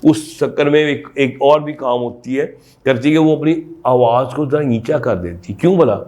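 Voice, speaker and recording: A man talks as a doctor explaining to camera. He is emphatic and asks many rhetorical questions in a mid-pitched voice. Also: normal speed, a little mellow. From Pakistan. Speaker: sexologist doctor.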